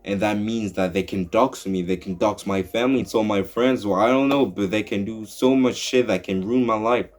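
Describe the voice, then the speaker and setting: Young man, low-pitched YouTuber; earnest opinion vlog, restarts often, soft music under. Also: moderate pace, few pauses.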